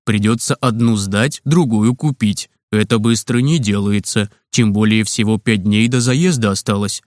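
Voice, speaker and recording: A man voicing a calm, dryly amused father in a storybook reading. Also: fairly low pitch, moderate pace, no room sound, clean studio sound, pitched below the performer's own voice, natural voice. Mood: wry. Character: calm wry father, dry and patient.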